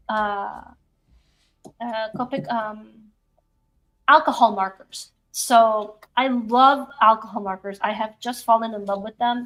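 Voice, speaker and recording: Woman artist-host, slightly high pitch, casual and stop-start show-and-tell, recorded at a distance from the mic. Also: fairly bright tone. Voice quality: distant-sounding, away from the mic. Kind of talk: casual chat while showing artwork. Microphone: speaker sitting far from the microphone. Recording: distant from the microphone.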